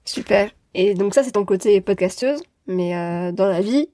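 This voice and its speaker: A woman hosts a podcast and chats with her guest in a friendly, explanatory tone, now and then breaking into a light laugh. Her voice sits at an ordinary middle pitch. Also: normal speed, mellow. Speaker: podcast host. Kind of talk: podcast interview.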